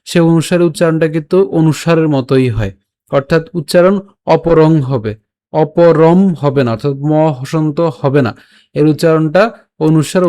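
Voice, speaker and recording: A man teaching scripture pronunciation in an online lesson, sounding out syllables slowly and often checking that his listeners follow. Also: a little high, a little mellow. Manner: slow, syllable-by-syllable demonstration with repeated checks. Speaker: Sanskrit recitation teacher.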